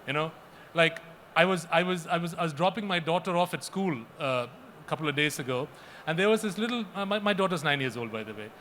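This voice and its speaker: Earnest man, halting panel remarks. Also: a little high, animated, fairly bright tone, a little hiss or hum. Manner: earnest, repeats himself often, halting restarts.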